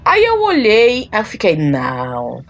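A woman from Ceará with a Cearense accent, hosting a podcast and telling a story in casual, animated chat. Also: mid-range voice, lo-fi sound. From Ceará, Brazil. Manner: animated, laughing, drawn-out storytelling. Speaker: podcast host.

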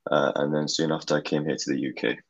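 A young man from Gaza, a student, a podcast guest, talking in a measured way and repeating words. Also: extremely low pitch, flat delivery, no echo, dull audio. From Gaza, Palestine. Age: young adult. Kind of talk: casual podcast interview.

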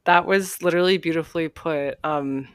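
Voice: medium pitch, moderate pace, clean tone, no echo. Effusive, slangy speaker, closely recorded and dry. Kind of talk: casual conversational commentary.

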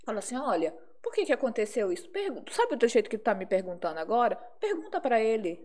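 A woman, chatting on a podcast about beauty work. Her voice sits a bit high, and she talks emphatically, dropping low to make a point. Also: sing-song, fast talker, a little mellow. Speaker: podcast co-host, beauty professional. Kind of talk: casual podcast chat.

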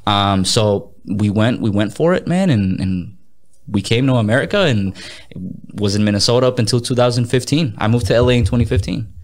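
A man in his thirties from Mexico, a music artist talking as a guest in a casual interview, energetic, repeating words and slipping into Spanish phrases. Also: on the low side, fairly quick. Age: 30s.

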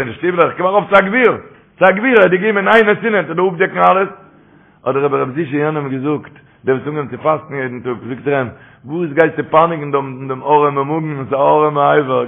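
A man's voice: a little high, creaky. A man giving a religious talk with stories, repeating his phrases as he tells them. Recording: tinny phone-line recording.

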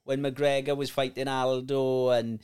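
A man's voice: medium pitch, flat delivery, a little slow, darkish tone, smooth. A man in his late thirties, a podcast guest chatting casually, sweary and rambling with repeated words. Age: 30s. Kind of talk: casual chat.

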